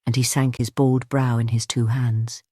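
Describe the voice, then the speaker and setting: Audiobook narrator, measured, even, mid pitch, dry close recording. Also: dry recording. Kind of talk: scripted narration.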